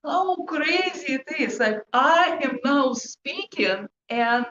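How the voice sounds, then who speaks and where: A hypnotherapist who speaks English as a second language presents to a group indoors in short, deliberate, emphatic phrases, tossing out rhetorical questions in an interactive talk. Her voice is high, expressive and a bit bright. The recording, made in a room with an audience, is echoey and muffled with background noise.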